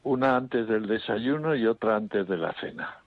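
Calm low-voiced man advising on radio. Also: normal speed, narrow, tinny audio. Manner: calm, methodical, repeats dosages. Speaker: radio health advisor answering callers. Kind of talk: call-in radio advice.

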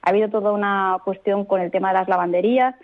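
A woman legal expert speaking as a radio guest, explaining rules in a clear, firm, methodical way. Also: mid-range voice, steady tone, quick pace. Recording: tinny phone line.

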